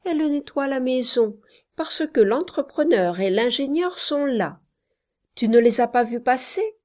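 A woman voicing a lively, cheeky little peasant girl who answers quickly and pertly in a storybook reading. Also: high voice, pitched above the performer's own voice.

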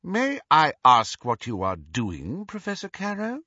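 A man's voice: on the high side, wildly swooping pitch, measured pace, bright, forceful tone, no echo, pitched above the performer's own voice, exaggerated voice. Icy stern old female professor, voiced by a man. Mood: cold. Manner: crisp, icily cold. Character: stern older female professor, cold and sharp. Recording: slightly dull, dry recording.

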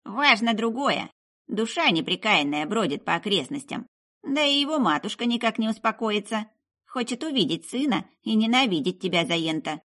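A woman's voice: mid-range voice, big pitch swings, moderate pace, fairly bright tone, voice pushed up. A woman putting on a bossy old witch. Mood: grumbling. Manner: scolding, folksy grumbling. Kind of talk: audiobook character voice.

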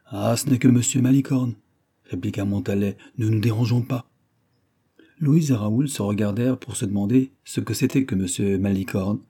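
A man voicing a lively, mocking young lady-in-waiting in an audiobook reading of a classic novel. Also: on the low side, moderate pace, slightly rough. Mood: playful. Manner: mocking, playful.

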